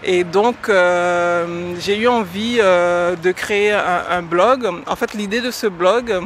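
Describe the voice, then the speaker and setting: A woman from French Guiana in her forties, answering radio interview questions about teaching with hesitant pauses and many fillers. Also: lowish voice, slight background noise. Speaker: guest, educator.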